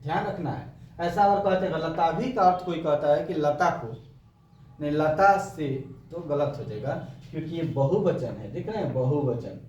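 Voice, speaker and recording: A male coaching-center teacher giving a lesson, chanting word forms slowly so students can repeat after him. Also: on the high side, lively intonation, darkish tone. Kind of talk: slow recitation lesson. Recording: echoey room, mic at a distance, dull sound.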